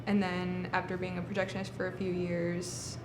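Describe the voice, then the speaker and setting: A woman's voice: lowish voice, moderate pace, reverberant, noisy background. A woman in her late twenties, a cinema technical manager, talking casually in a documentary interview with lots of filler words. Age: 20s. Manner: casual, relaxed, frequent "like" fillers. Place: historic movie theater.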